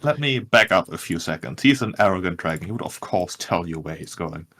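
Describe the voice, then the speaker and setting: A man's voice: low-pitched, animated, a little fast, fairly bright tone. A man running a tabletop game, narrating and giving rulings casually as game master.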